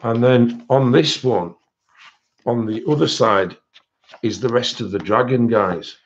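Highs are cut off and a faint hiss or hum sits under this man's medium-pitched, slightly slow voice. He hosts a coloring book channel, rambling through a live-stream coloring-supply haul and chatting with viewers' comments, often using fillers and correcting himself.

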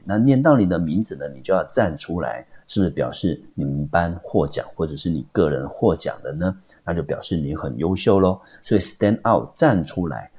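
A man's voice: extremely low pitch, darkish tone, slightly rough. A male English teacher with a Taiwanese Mandarin accent, explaining a vocabulary word patiently and step by step, with frequent filler particles. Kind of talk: vocabulary lesson. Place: Taiwanese high school lesson recording.

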